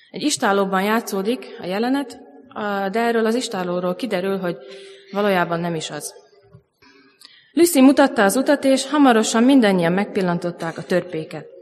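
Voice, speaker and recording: A woman pastor giving a solemn, measured sermon and reading aloud to a school congregation. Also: mid-range voice. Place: church. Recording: long church reverb.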